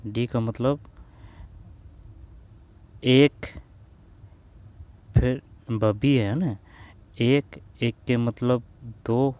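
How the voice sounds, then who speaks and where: A man's voice: medium pitch, darkish tone, clear, resonant tone. A man teaching exam grammar questions in a casual spoken lesson, thinking aloud, repeating words and often asking "है ना".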